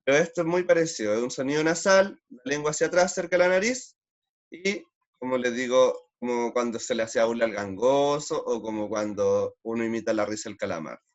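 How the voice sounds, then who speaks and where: A man's voice: mid-range voice, lively intonation, fairly quick, lo-fi sound. A man with a Chilean accent teaching a beginner language class online, patiently drilling sounds and repeating syllables. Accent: Chilean Spanish.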